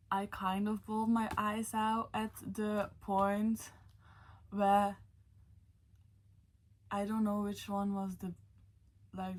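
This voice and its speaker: Female book vlogger, unhurried delivery, rambling and emotional, casual chat. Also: mid-range voice. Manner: rambling and emotional, lots of "like" and self-corrections. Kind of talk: casual book ranking vlog.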